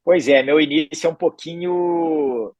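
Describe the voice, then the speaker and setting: Man, 40s, from Belo Horizonte, calm storytelling guest, slightly high voice. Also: measured pace, breathy edge, no echo. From Belo Horizonte, Brazil. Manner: calm, easygoing, reflective. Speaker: guest, retired tennis player. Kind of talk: relaxed interview storytelling. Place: podcast studio.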